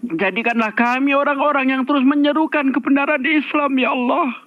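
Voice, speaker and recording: High-voiced man praying over a phone line. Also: a little fast, dry recording. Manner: repeats a refrain after every phrase. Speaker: co-host leading a prayer. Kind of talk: fervent spoken prayer. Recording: thin, dry phone-line audio.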